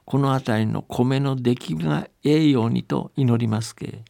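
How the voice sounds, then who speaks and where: Man voicing fox as a young bride, polite, pleading, gravelly. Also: mid-range voice, a little slow, mellow, no room sound, studio quality. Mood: earnest.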